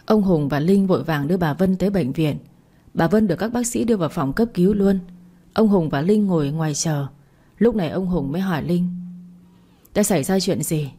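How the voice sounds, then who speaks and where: Woman reading a story aloud, low and mellow, steady and unhurried. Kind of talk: scripted story narration.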